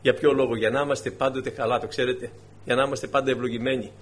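A man preaching a sermon in a conversational, animated way, with sudden emphatic bursts, often addressing his congregation as dear brothers. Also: mid-range voice.

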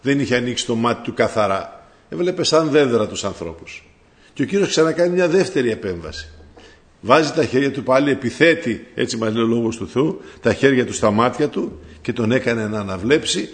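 A man preaching a sermon, addressing his listeners as brothers, fervent and rising to loud cries when he quotes. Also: mid-range voice, animated.

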